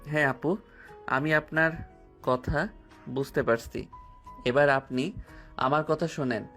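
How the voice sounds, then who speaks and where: A man's voice: on the high side, slow, a bit bright. A man voicing a cheeky, cocky young male college freshman who answers back defiantly in an audio drama. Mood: mocking. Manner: mocking, defiant. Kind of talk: Bengali audio love-story drama. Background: faint background music.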